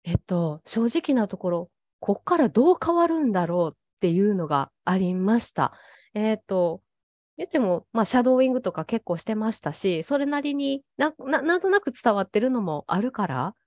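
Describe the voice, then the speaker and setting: A woman guest talking thoughtfully about her coaching, pausing often with fillers. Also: mid-range voice, sing-song, darkish tone, no echo. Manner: thoughtful, pauses with frequent fillers. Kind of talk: casual interview talk.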